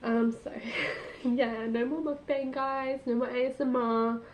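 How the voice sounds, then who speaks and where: A woman's voice: a little high, fairly even intonation, measured pace. A woman hosting a casual solo podcast, chatting with lots of "like" fillers and laughing at herself, recorded on a tablet's built-in mic. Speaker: podcast host. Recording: roomy, dull tablet recording.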